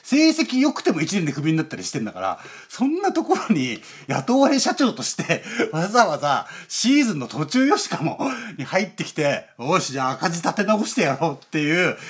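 A male radio host chats casually, rambling with plenty of fillers and little chuckles. His voice is a touch husky and sits a bit high. His pitch swings widely as he talks.

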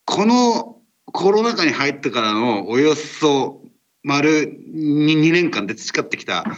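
A man hosting a radio show remotely, talking casually and politely with many filler pauses. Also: fairly high pitch, very animated, lo-fi sound. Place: remote recording over an internet call.

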